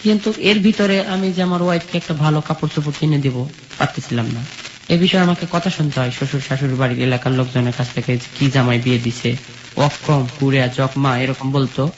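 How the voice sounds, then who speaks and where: With a medium-pitched voice and a fairly quick pace, a young adult man from rural Bangladesh tells his story as an interview guest. He speaks in plain village colloquial, going step by step and quoting conversations. The recording sounds dull, accompanied by a continuous sizzle.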